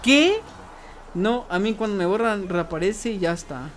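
This young streamer, who has a Mexican accent, sounds high-pitched and animated while keeping a measured pace. During casual chat on his game livestream, he reads out viewer comments and answers each one.

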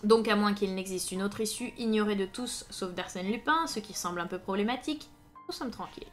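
An unflappable police inspector speaks in a calm, dry, unhurried way, as a woman reader voices him. His lines carry quiet irony. Faint piano music sits underneath the storybook reading. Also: medium pitch, close to an everyday voice.

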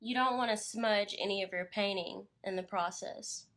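A woman's voice: mid-range voice, moderate pace, fairly bright tone. A young woman painter chatting casually during a live studio stream, rambling a little and laughing easily, recorded on her phone in her studio. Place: her art studio, indoors.

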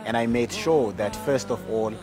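A man in his forties, an archbishop, talking in a measured, earnest way and building his points with repeated phrases, on a lapel mic in a large hall. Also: medium pitch. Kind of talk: reflective interview monologue. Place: large indoor hall with tall windows. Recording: interview with music underneath.

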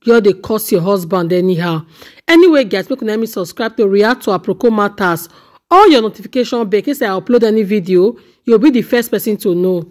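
A woman's voice: mid-range voice, lively intonation, brisk, a little mellow. A woman with a Nigerian accent hosting a reaction channel, commenting on a clip in a gossipy, exclaiming way. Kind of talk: casual commentary on a video.

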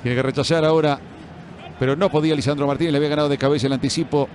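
A man giving breakneck football goal commentary, excited and shouting, repeating words in bursts. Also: on the high side, rapid-fire. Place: football match broadcast. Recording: noisy outdoor stadium broadcast.

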